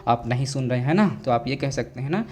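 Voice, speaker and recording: A man with an Indian accent giving an exam-prep English lesson, asking the class questions and answering them himself, and slowing down to spell out English phrases. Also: medium pitch, expressive, a little mellow. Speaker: teacher.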